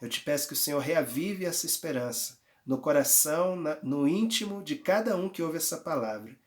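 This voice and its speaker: A man preaching a sermon and leading prayer, stretching words out for emphasis and often calling out hallelujahs. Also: on the high side. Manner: fervent, drawn-out emphasis with frequent hallelujahs. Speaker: pastor.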